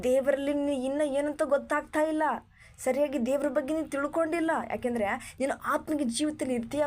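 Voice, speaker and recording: A woman with a high, bright-pitched voice delivers an earnest sermon. She punctuates nearly every thought with hallelujah and calls her listeners beloved. She presses them with repeated rhetorical questions. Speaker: preacher.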